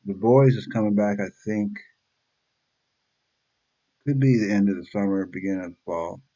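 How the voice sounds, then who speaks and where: A man's voice: lowish voice, steady tone, moderate pace, warm tone, muffled recording. A man in his fifties hosting a reaction channel, talking bluntly and rambling in a casual monologue, swearing freely. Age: 50s. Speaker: YouTube reaction channel host.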